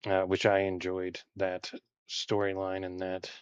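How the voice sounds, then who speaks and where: A man's voice: deep voice, measured pace, clear, resonant tone, no echo, lo-fi sound. A man with a Texan accent chatting casually on a live stream while building Lego, rambling with lots of fillers. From Texas. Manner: relaxed, rambling with many fillers.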